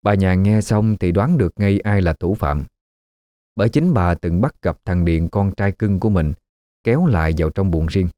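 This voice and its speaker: Low, mellow storyteller. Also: male voice, no echo, clean studio sound. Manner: measured, even storytelling. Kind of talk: scripted narration. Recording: faint background music.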